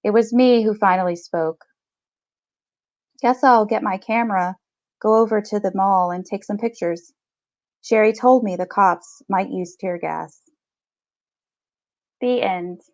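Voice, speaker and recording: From a small room at home, a thirty-something woman co-hosting a podcast reads a short story and chats about books over a video call. She speaks unhurriedly in a mid-range, slightly mellow voice, pausing often, with no echo and slightly dull audio.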